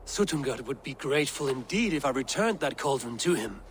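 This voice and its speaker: A man playing a proud, determined Norse god in a video game cutscene, speaking in measured, formal phrases. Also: mid-range voice, expressive, slight background noise, close to an everyday voice. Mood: wary, shrewd. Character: proud male Norse god, high lord seeking power, grimly determined.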